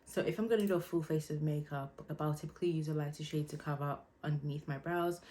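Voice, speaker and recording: A young woman chatting casually through a makeup tutorial, relaxed and loose, with lots of fillers. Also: sits low. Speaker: beauty vlogger.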